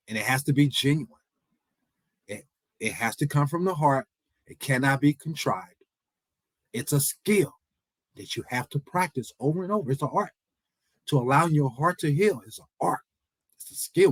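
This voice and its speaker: A man's voice: medium pitch, a bit bright, no echo, low-quality recording. Forty-something guy giving a motivational talk, pleading and repeating himself, dry sound. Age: 40s. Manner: earnest, repetitive, imploring. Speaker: motivational speaker. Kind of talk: motivational speech. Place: event hall.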